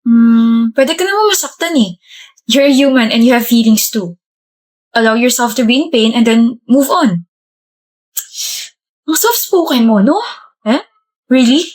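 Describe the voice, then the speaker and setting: A woman's voice: on the high side, animated, measured pace, long pauses. A woman acting out scripted POV comedy skits, switching between playful characters. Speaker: comedy skit creator.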